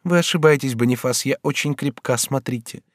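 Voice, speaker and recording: A man's voice: medium pitch, dry recording, studio quality, voice pushed up, natural voice. A man voicing a resolute, grave young woman in an audiobook, speaking firmly and earnestly. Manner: firm, earnest, measured.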